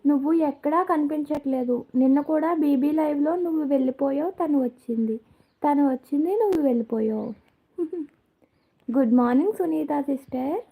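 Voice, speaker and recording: High, gravelly-voiced woman chatting live. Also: moderate pace, narrow, tinny audio. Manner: chatty, greets and answers viewers by name. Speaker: live-stream host reading viewer comments. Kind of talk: casual live chat.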